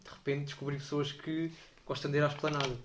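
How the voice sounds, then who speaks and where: A man's voice: on the high side, quick pace, noisy background. A young man with a European Portuguese accent telling stories animatedly in a casual podcast chat. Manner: animated storytelling. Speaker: podcast co-host.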